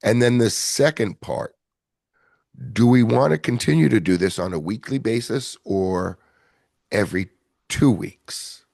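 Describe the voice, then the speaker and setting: A man hosting a podcast in casual chat, rambling and self-deprecating, with a gravelly voice. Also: lowish voice, lively intonation, unhurried, darkish tone, dry recording, clean studio sound. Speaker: podcast host.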